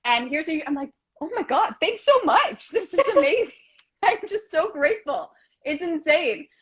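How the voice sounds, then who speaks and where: A woman in her thirties chats as a guest over a video call, effusive and gushing as the words tumble out in rushes. Her voice sits a bit high, and the call audio comes through dull and lo-fi. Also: very animated, a bit bright. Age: 30s. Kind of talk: casual video chat.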